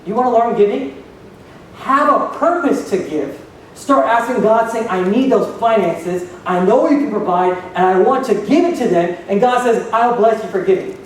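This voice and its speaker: A man's voice: sits high, lively intonation, moderate pace, a little hiss or hum. A man preaching a sermon as pastor, questioning the congregation as he goes. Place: church hall. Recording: echoey hall, voice from far off.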